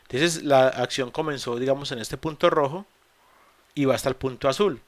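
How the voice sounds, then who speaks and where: A man's voice: medium pitch, moderate pace, dry recording. A man teaching English grammar in an online class, explaining rules step by step in a patient way with frequent fillers and restarts. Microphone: computer mic in a video call.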